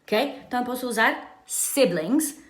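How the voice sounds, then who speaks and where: An English teacher with an animated voice on the high side speaks at normal speed while giving a casual bilingual language lesson. She often checks in using short tag questions. The recording has a roomy, echoey quality.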